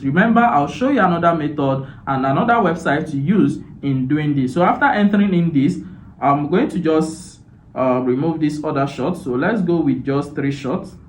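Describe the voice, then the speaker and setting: Man walking through a software tutorial. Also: on the high side. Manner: step-by-step, repeats "so" and "now". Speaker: tutorial host. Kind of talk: screen-recorded software tutorial. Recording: roomy echo, faint ambient noise.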